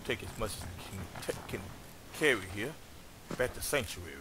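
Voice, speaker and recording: A man's voice: fairly low pitch, animated, moderate pace. A man giving gameplay commentary in character, musing and chatting to his in-game companions. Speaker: let's play gamer. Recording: noisy background.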